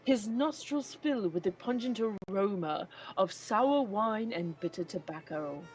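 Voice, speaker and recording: A woman's voice: medium pitch, animated, measured pace, faint music behind, poor audio. A woman chatting and narrating casually as co-host of a video game playthrough. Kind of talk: casual gaming chat and narration.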